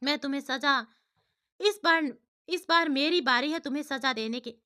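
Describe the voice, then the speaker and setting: A woman's voice: high-pitched, normal speed, pushed and bright. A woman voicing a vengeful young male bully who taunts and threatens in a storybook reading. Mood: menacing.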